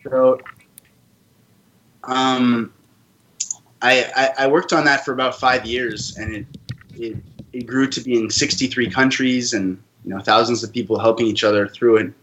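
Bright-voiced man telling his story. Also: mid-range voice, level tone, unhurried, long pauses, low-quality recording. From Canada. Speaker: podcast guest. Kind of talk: casual interview storytelling.

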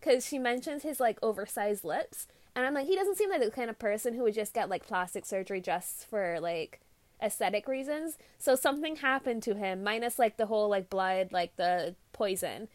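A woman's voice: medium pitch, no echo. Young woman, giggly book-podcast co-host, dry close mic. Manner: giggly, animated, quick to laugh. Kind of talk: casual book discussion podcast.

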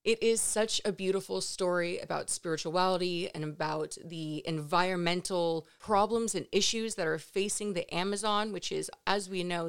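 A woman's voice: on the low side, clear, resonant tone. A woman hosting an interview podcast, speaking to listeners and guests in an enthusiastic, effusive way. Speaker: podcast host.

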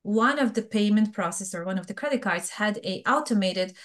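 A woman's voice: mid-range voice, lively intonation, fairly quick. A middle-aged woman from Bosnia with a Bosnian accent, speaking frankly and chattily as an interview guest. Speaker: guest, fraud professional. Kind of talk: casual interview talk.

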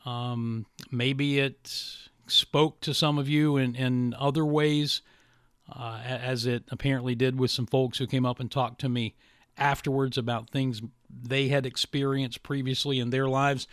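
A man hosting a podcast, talking reflectively and haltingly in a monologue to listeners. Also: mid-range voice, fairly bright tone, clean tone, no echo, studio quality. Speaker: podcast and radio host. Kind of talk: monologue to listeners, partly scripted ad reads.

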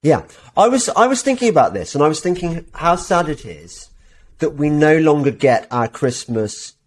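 A man's voice: a little high, big pitch swings, moderate pace. An English man hosting a podcast, reading an advert and chatting with a jokey, sarcastic manner. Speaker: podcast host. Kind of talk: casual chat and read advert. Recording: roomy echo.

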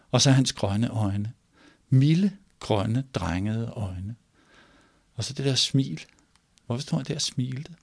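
A man telling a story aloud in a measured, pausing way, moving between hushed and emphatic passages. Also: medium pitch, creaky. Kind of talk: oral storytelling.

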